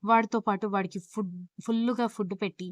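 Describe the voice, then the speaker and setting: A chatty young wife from a read-aloud love story, lively and playful, voiced by a woman. Her pitch sits in the middle. The voice is dry and close to the mic. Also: brisk, no echo, close to an everyday voice.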